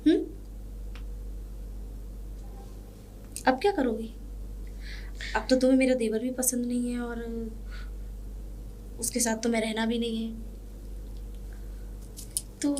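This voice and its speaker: High bright taunting sister-in-law, played by a woman. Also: expressive, normal speed, long pauses, slight background noise, full character voice. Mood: mocking. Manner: taunting, scolding. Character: scornful elder sister-in-law, sharp-tongued. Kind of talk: hobby family drama acting.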